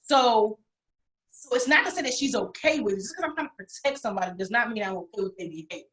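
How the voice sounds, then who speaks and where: A young woman talks on a podcast with a slightly high-pitched voice. She speaks bluntly and emphatically and swears freely in casual debate. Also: animated, quick pace, fairly bright tone. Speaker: podcast co-host. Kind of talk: casual chat.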